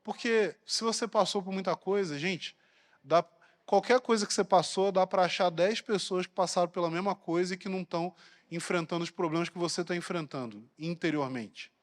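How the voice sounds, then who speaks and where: A man's voice: high voice, fairly quick. A man with a Brazilian Portuguese accent preaching a sermon in a blunt, colloquial, provocative way. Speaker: pastor. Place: large church hall. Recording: long reverb of a church hall.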